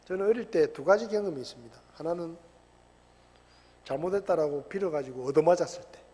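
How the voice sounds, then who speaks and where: Middle-aged korean pastor preaching, highish husky voice, lots of questions and shouting, big echoey church. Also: male voice, brisk. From South Korea. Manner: animated preaching, rhetorical questions, bursts into shouting. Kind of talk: sermon. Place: church sanctuary.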